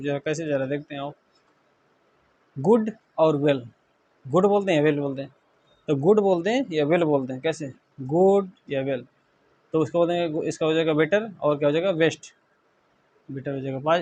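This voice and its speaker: A man's voice: on the high side, a little mellow, a little hiss or hum. Hindi-speaking man spelling out grammar. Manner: spells words letter by letter, checks students often. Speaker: English grammar teacher. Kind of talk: classroom lecture.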